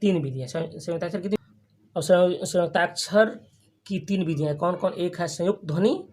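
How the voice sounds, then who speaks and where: A teacher with a breathy, husky voice runs a grammar class in call-and-response style. Each term is repeated and then quizzed back at the students, with frequent restarts and check-ins. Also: mid-range voice, darkish tone. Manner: repeats terms and quizzes the class with quick questions.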